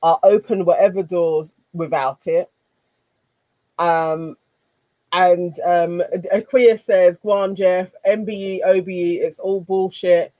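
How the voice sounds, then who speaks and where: A woman's voice: lowish voice, steady tone, slow, mellow, no room sound. A woman hosting a panel show, chatting casually and reading out viewer comments.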